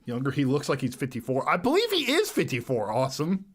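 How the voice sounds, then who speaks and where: A man's voice: medium pitch, huge pitch swings, quick pace, slightly rough. A man joking and laughing as he plays a courtroom game with a friend. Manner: giggly, joking. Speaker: game streamer. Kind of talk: casual game commentary.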